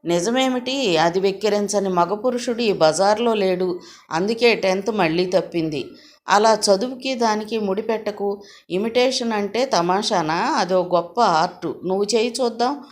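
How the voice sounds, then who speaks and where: A cheeky teenage girl, quick to tease and quick to take offence, voiced by a woman narrating an audiobook. Her lines come lively and a bit indignant. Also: mid-range voice, lightly acted. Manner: teasing, indignant.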